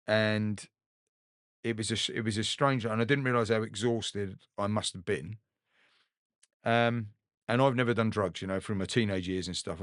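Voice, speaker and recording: A man's voice: fairly low pitch, no echo, clean studio sound. A middle-aged man, a guest, telling his story in a casual, rambling and earnest way and acting out the dialogue he quotes. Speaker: guest, ocean rower.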